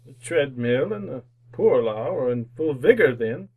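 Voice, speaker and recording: Acting in the style of old-time radio drama, a man portrays a stingy, cold-hearted, crotchety older businessman who speaks curtly and with scorn. His mid-range voice is animated yet measured in pace, with a darkish tone and a cold, sardonic mood. The audio quality is poor.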